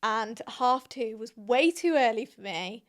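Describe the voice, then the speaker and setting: A woman's voice: on the high side, animated, a little slow. A young woman, co-hosting a casual podcast, giggly and self-deprecating. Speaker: podcast co-host. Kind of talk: casual chat.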